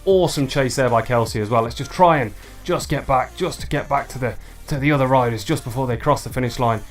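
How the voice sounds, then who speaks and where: A man's voice: medium pitch, fast, soft background music. A man hosting a livestream, commentating a virtual bike race in a chatty way and talking to viewers. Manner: excitable, shouts at the finish, chatty with viewers.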